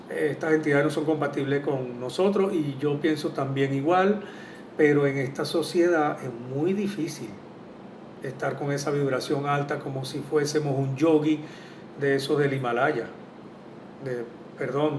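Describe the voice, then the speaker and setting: Earnest man in a roomy echo. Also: darkish tone. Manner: earnest and reflective, with frequent "eh" hesitations. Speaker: spiritual therapist. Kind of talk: casual spoken monologue. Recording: roomy echo from a distant mic, faint rumble.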